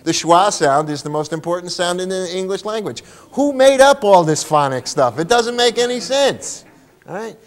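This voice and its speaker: A man giving a lively workshop talk to teachers, asking rhetorical questions and checking in with the room. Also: sits high. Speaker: teacher trainer.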